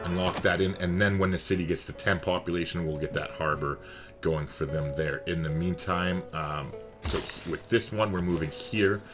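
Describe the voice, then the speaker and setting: A man's voice: low voice, moderate pace, over loud music. A man giving casual, enthusiastic strategy game commentary, chatty and swearing freely.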